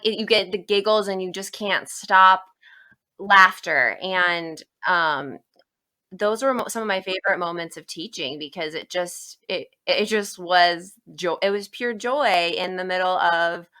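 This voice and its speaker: A woman's voice: on the low side, pushed and bright. A woman hosting a podcast interview, enthusiastic and giggly as she chats. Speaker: podcast host.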